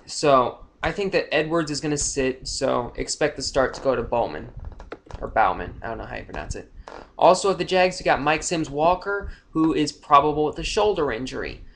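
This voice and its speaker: A man's voice: fairly high pitch, expressive, a little fast, gravelly, slight background noise. A young man giving casual, unscripted fantasy football injury commentary, rambling with frequent fillers and self-corrections.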